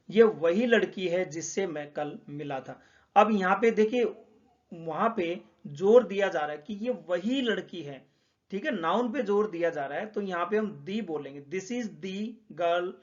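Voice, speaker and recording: A man's voice: high-pitched, lively intonation, measured pace. Man teaching grammar, lo-fi sound. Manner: explains step by step, repeats points. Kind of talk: classroom explanation. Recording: dull lo-fi sound.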